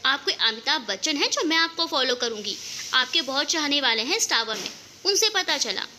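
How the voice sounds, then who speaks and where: Woman doing a witty young woman, storybook reading, high pitch, bright tone. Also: expressive, moderate pace, a little hiss or hum, heavily acted. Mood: teasing. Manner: witty, teasing.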